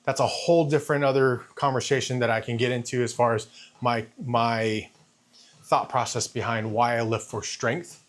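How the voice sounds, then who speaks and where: Man, fifties, mid-pitched voice, casual vlogger, thinking aloud, repeats phrases, talking while on a treadmill. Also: level tone, normal speed. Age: 50s. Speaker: fitness vlogger. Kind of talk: casual vlog monologue.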